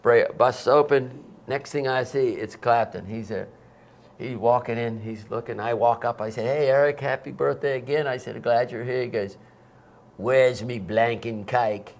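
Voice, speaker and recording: A concert promoter in his sixties tells anecdotes during a TV studio interview, recorded on a lapel mic. His mid-range voice is gravelly and moves at a normal pace. He's animated, acting out quotes with sudden loud bursts.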